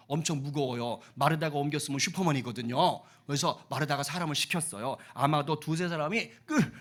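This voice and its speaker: A male pastor preaching a children's sermon in a playful way, quizzing and teasing the kids as he goes. His voice sits fairly high and bounces around with lively expression. It has a bright, crisp edge. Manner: playful, questions and teases the children.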